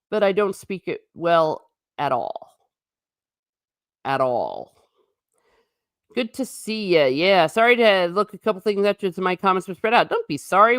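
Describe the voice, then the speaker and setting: An American woman hosts a casual livestream, reading chat comments aloud and answering them in a chatty, wry, tangential way while frequently restarting sentences. Her voice is medium-pitched and a bit bright, recorded dry at studio quality.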